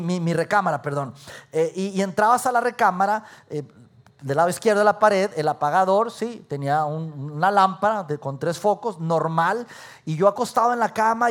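A Mexican man preaching a sermon in story form, acting out his own dialogue with lively swings in pitch and loudness. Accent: Mexican Spanish. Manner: animated, acts out dialogue with shifting pitch and loudness.

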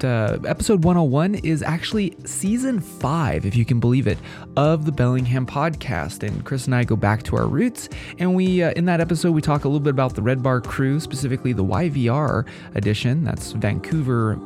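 A man's voice: medium pitch, animated, a little fast, a little mellow, soft background music. A man with a nasal voice stuffed up by a head cold, chatting casually and playfully to listeners as a podcast host. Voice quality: nasal, congested voice.

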